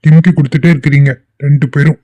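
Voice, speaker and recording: A man's voice: fairly high pitch, flat delivery, very fast, natural voice. A man voicing a strict, scolding male boss in a cartoon, who talks in a stern, bossy way. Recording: dull lo-fi dry recording.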